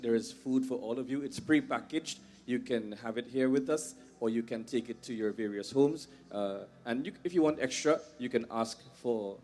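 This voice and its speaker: A man acting as master of ceremonies, announcing the next items in a relaxed way with many "uh" fillers. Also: mid-range voice. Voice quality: loose delivery with frequent "uh" fillers. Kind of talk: casual event announcements.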